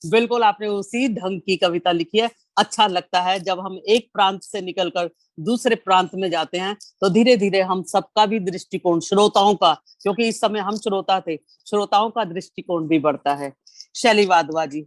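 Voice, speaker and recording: A woman's voice: mid-range voice, moderate pace, dry recording. A woman giving an effusive spoken critique of poems at a poetry session, exclaiming and quoting lines with feeling, over a video call.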